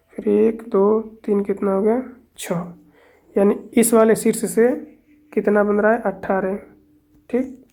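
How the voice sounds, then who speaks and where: A woman's voice: medium pitch, warm tone. A woman teaching a math lesson, explaining step by step and counting aloud with frequent checks. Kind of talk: explaining on a board.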